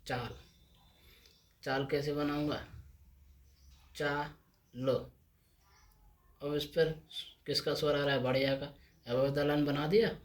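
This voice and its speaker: A man teaching a shorthand class, explaining each step slowly and answering his own questions as he writes. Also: mid-range voice. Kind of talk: board lesson explaining step by step.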